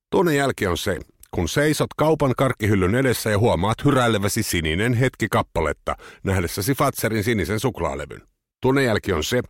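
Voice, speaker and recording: A man narrating a scripted essay for his podcast in a measured, reflective way. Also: fairly low pitch, no room sound, clean studio sound.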